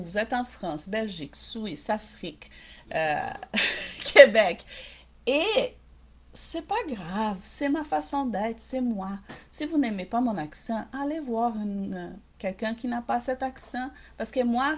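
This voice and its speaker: A woman's voice: a little high, expressive, unhurried. Female coach with a mixed Québécois-Brazilian accent, live-stream workshop host, direct with viewers and checking in often. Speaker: small-business coach.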